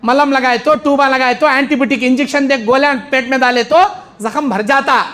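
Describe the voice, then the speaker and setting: A man's voice: very high voice, fairly even intonation, a little fast, fairly bright tone. A man giving a mosque sermon, emphatic and repetitive, acting out quoted sinners. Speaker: preacher.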